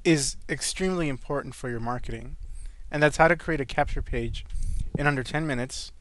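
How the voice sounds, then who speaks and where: A man with a mid-pitched, slightly wheezy voice presents an online tutorial in a casual way. He breathes a little hard and talks through each click informally as he goes. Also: brisk, fairly bright tone, a little hiss or hum. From California, where he lives. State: breathing a little hard after an asthma attack.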